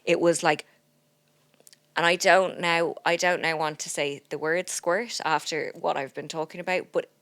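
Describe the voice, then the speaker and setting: A woman's voice: lowish voice, fairly even intonation, moderate pace, a bit bright, dry recording, studio quality. A woman in her thirties with an Irish accent, co-hosting a comedy podcast in a rambling, self-mocking chat. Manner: joking, self-deprecating, rambling with fillers. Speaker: podcast co-host. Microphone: studio podcast mic.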